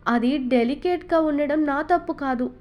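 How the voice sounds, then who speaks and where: A woman's voice: sits high, moderate pace, close to an everyday voice. Woman playing a cheeky little boy. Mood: wheedling. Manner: innocent, wheedling excuses. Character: little boy, sulky and clever.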